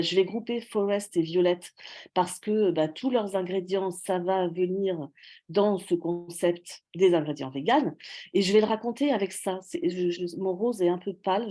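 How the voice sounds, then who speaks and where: A woman's voice: mid-range voice, warm tone. A woman researcher giving an academic presentation, explaining patiently with frequent fillers and self-corrections.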